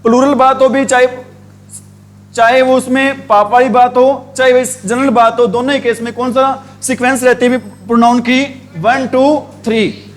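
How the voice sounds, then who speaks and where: High-voiced grammar teacher. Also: male voice, level tone. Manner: repetitive call-and-response questioning, drawn-out spelled words. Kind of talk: classroom grammar lesson in Hindi.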